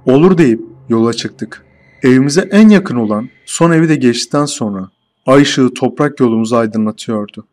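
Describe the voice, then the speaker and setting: A man telling a first-person horror story in a steady, measured storytelling voice. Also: mid-range voice.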